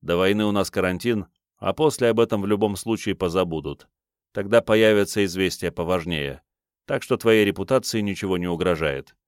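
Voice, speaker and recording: Brief: male narrator as a grave male war instructor, measured and instructive, low voice. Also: smooth, dry recording, studio quality, natural voice. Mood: quiet reassuring. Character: stern, weary male master of war and instructor.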